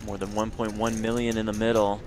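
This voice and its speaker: A man's voice: on the low side, monotone, a little fast, a little mellow, soft background music, low-quality recording. A man calling tournament poker play by play, reporting each bet and card as it comes.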